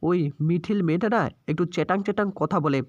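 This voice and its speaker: Narrator as a disapproving old grandmother, gossipy, high voice, lo-fi. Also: fairly quick, dry recording, lightly acted. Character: critical grandmother, sharp-tongued.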